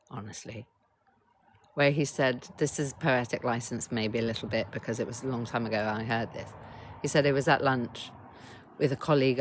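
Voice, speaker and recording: A middle-aged woman coach hosts a casual live stream, speaking bluntly, swearing freely, and repeatedly urging viewers to reply in the chat. Her voice is bass-deep, with a little hiss or hum in the recording.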